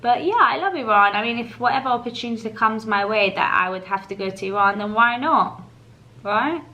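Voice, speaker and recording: An Englishwoman in her thirties, a vlogger, answers viewers' questions in a chatty Q&A, laughing often and using many fillers. Her voice is fairly high, quick, bright, and forceful, and the sound is lo-fi.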